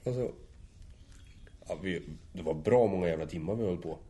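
Very deep voiced guy telling a tracking story, laid back, chuckles. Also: warm tone. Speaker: hunter telling stories. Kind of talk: casual anecdote-telling.

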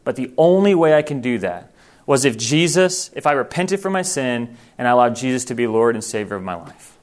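A man's voice: mid-range voice, lively intonation, brisk. Earnest man teaching missionaries. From Thailand. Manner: earnest, informal, self-correcting. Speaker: missionary trainer. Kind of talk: conversational training talk.

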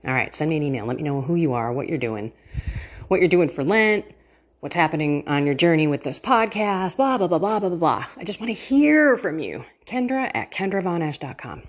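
A woman with a low, husky voice talks straight to her podcast listeners about faith. She is earnest and animated, and laughter often breaks into her speech. The tone is personal and conversational. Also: fairly quick. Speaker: podcast host.

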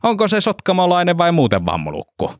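A man voicing a loud, swearing middle-aged truck driver who rambles on chattily. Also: lowish voice, big pitch swings, no room sound, studio quality. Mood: scornful. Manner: curses often, rambles chattily.

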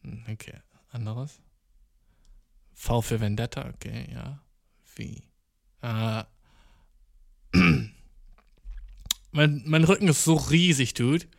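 A young man doing a rambling comedic monologue, full of swearing and English slang, jumping from mumbled asides to excited outbursts. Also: medium pitch, takes it slowly, creaky, pauses often, no echo, studio quality. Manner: slangy, profane, mixing English words into German; jumps from deadpan mutters to excited outbursts.

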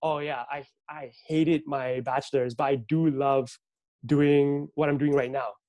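A young Malaysian man, a visual artist, is a guest on an interview podcast. He talks easygoingly and agreeably, saying "yeah" often, in a level, mid-range voice that's a little slow. The sound is lo-fi with no echo.

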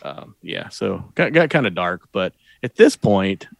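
A man's voice: low voice, sing-song, measured pace, creaky, dry recording. A man co-hosting a podcast in casual chat, rambling and hesitant as he explains things. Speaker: podcast co-host.

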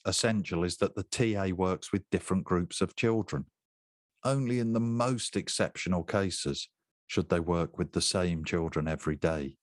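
Older guy, very low voice, dry sound, explains teaching stuff and says things twice for emphasis. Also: dry recording. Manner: emphatic, repeats key points, conversational asides. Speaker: education trainer. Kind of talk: instructional talk.

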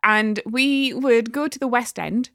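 A woman from Newcastle, co-hosting a podcast and telling animated stories in casual chat, often laughing. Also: on the high side, unhurried, dry recording, studio quality. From Newcastle, England. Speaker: podcast co-host.

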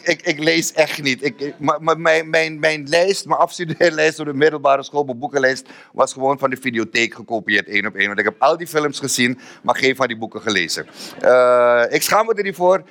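A man of Surinamese descent hosting a live event, telling stories in an animated, self-mocking way and often repeating words. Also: medium pitch. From Surinamese family. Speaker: event host. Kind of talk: comic stage storytelling.

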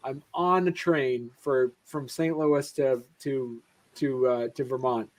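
A man's voice: mid-range voice, steady tone, slow. A young adult man, a podcast co-host, telling a rambling story in casual chat with many restarts.

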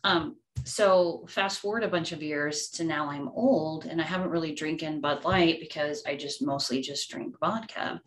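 Lady podcast cohost, kinda low voice, animated storyteller who laughs a lot. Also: moderate pace, hardly any pauses. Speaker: podcast co-host. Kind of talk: casual chat.

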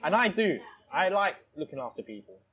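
A man's voice: sits high, sing-song, brisk, fairly bright tone, a little hiss or hum, low-quality recording. A man from Thailand who owns a restaurant, talking in a casual interview with many restarts and "you know"s. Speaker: restaurant owner. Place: his restaurant, indoors.

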